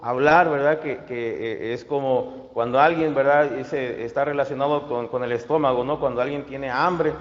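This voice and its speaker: Halting man preaching in an echoey hall. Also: medium pitch, steady tone. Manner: halting, many fillers and restarts. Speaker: pastor. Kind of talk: sermon. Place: church. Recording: echoey hall, dull lo-fi sound.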